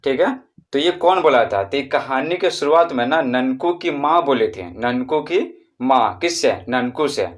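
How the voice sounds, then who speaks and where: A man's voice: medium pitch, expressive, a little slow. A man with a Bihari Hindi accent, teaching a primary-school textbook chapter. He repeats and drills the answers and draws out words to show how someone calls out. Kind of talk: explaining a textbook chapter to pupils.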